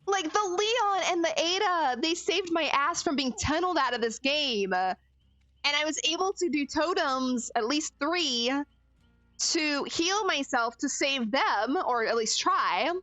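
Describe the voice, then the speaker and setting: A woman's voice: sits high, expressive, measured pace, pushed and bright, no room sound, faint music behind. A woman streaming a game, chatting casually with viewers and reacting expressively, swinging between frustrated cries and laughs. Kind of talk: casual gaming commentary.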